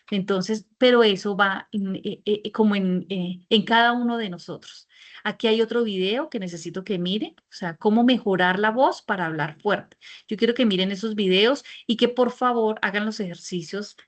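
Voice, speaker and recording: A middle-aged woman giving an online class lecture over a video call, explaining step by step and checking in with her listeners through frequent rhetorical questions. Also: mid-range voice. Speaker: teacher. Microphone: computer mic on a video call.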